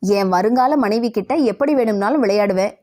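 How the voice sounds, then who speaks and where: A woman's voice: medium pitch, normal speed, dark tone, close to an everyday voice. A woman voicing a playful young male college student in an audio novel, teasing at times and pleading at others.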